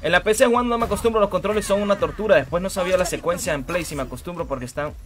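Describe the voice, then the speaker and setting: A man streaming a fighting game, commenting excitedly and greeting his chat by name, speaking with vos. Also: high voice, very fast. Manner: excitable, calls viewers bro and rey, greets chat by name. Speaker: gaming streamer.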